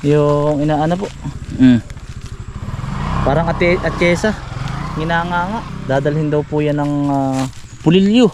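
High-voiced chatty man vlogging outdoors. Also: measured pace, pauses often, background noise. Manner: chatty, keeps coaxing and cautioning a helper. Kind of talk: casual outdoor vlog narration. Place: outdoors in rural woodland.

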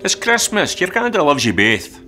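An actor playing a teasing, sly older Scottish granddad in a comedy sketch, with a dry, mocking manner. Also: male voice, a little high, sing-song, moderate pace, pushed and bright, soft background music.

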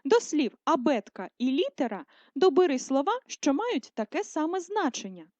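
A woman teacher giving a video lesson to first graders, speaking slowly and carefully and drawing out words to stress them. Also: sits high, very animated, a little mellow, no room sound. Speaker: primary school teacher. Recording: dull lo-fi sound.

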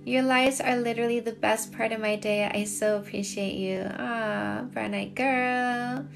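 Her voice leans high and gravelly, with a steady tone and measured pace, while faint music plays behind. She's a middle-aged Canadian woman hosting a casual dating-coach livestream, reading comments aloud, replying, and repeating points for emphasis, filmed on a phone at arm's length in a small home room with shelves.

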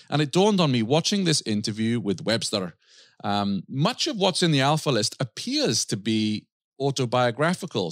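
A man's voice: on the low side, dry recording, clean studio sound. A man hosting a podcast, giving a casual, enthusiastic book review with frequent restarts. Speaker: podcast host.

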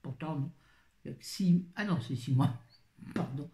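A woman's voice: sits low, measured pace, warm tone. Chatty woman vlogger in an echoey room. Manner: chatty, wry asides, frequent fillers. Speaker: beauty vlogger. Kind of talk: casual product haul chat.

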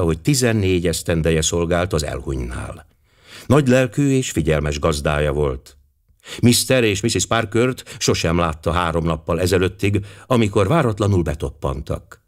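Low-voiced, expressive male audiobook narrator. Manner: expressive, measured storytelling.

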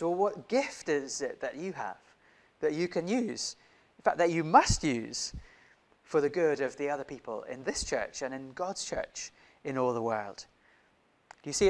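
A young man preaching a sermon in a church, who grew up in Indonesia, talking with lively gestures and asking many questions of the congregation. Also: a little high. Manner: animated, gestures broadly, many rhetorical questions. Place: church hall, indoors. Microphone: lapel mic.

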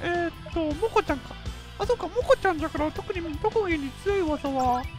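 A woman's voice: very high voice, animated, brisk, music in the background. A woman commentating a video game in a playful, boastful, old-fashioned elderly dialect. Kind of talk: casual let's play commentary.

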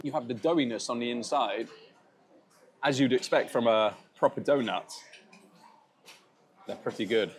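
A man's voice: mid-range voice, a little hiss or hum. Chatty man on a food vlog. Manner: chatty, enthusiastic, laughs at himself. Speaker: food vlogger. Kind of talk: casual food tasting narration. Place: restaurant and bakery in Thailand.

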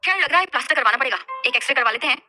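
A woman's voice: high-pitched, lively intonation, very fast, sharp tone, soft background music, exaggerated voice. A woman voicing a skeptical middle-aged male doctor in a read-aloud story, dry in manner.

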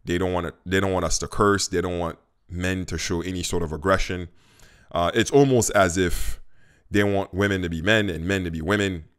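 Here a Haitian man in his thirties chats to camera from his kitchen for a casual vlog, conversational and candid with frequent fillers. His low-pitched voice holds a steady tone at a moderate pace, sounding clear and resonant through a stand-mounted studio mic placed before him.

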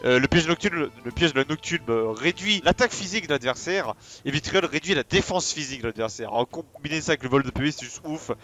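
A man giving casual, excitable commentary on a video game, rambling with slang and many fillers. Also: a little high, quick pace, soft background music. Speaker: let's play host.

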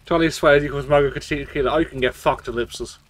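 A man's voice: a little high, steady tone, quick pace, a little hiss or hum. A man streaming a video game, swearing and rambling as he gets tipsy from shots. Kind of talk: casual gameplay commentary.

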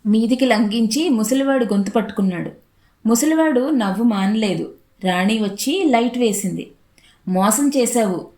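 A woman reading a literary short story aloud in a steady, unhurried narrating voice. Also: on the high side, reverberant.

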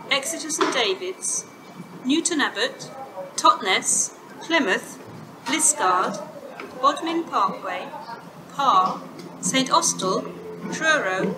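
Heard from a distance through echoing platform speakers, an automated railway announcement is read by a woman with a high voice and lively intonation. The public message is measured and formal with clearly spaced words, set against a noisy background of station ambience.

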